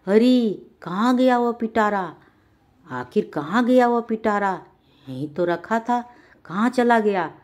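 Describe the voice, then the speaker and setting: A woman voicing a sly, greedy village man who speaks loudly and over-welcomingly. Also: mid-range voice, animated, unhurried, close to an everyday voice. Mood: frantic. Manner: loud, overly welcoming.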